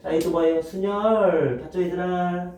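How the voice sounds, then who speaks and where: A man teaching math to students, lively and constantly quizzing them with questions. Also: sits high, normal speed, a little hiss or hum. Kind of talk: classroom lecture. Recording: echoey room, voice from a distance.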